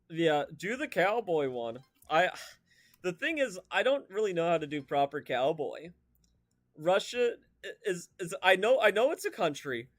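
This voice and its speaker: A man's voice: a little high, no room sound. A young man streaming a video game, chatting casually and rambling off into tangents with lots of fillers. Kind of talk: casual gameplay commentary.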